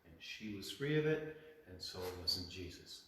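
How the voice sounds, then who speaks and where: A priest with a low, very animated, slightly bright voice speaks at a moderate pace, hosting a children's storytime inside a large church. He teaches about faith informally in simple words, repeating himself and often asking checking questions. The church is very echoey, with long reverb and faint noise.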